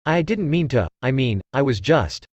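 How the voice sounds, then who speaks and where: A shy, earnest young ninja girl speaks softly and hesitantly, as a male storyteller reads her lines. The read has a lively, rising and falling pitch, and the recording is close and dry. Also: moderate pace, no room sound. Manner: soft, hesitant.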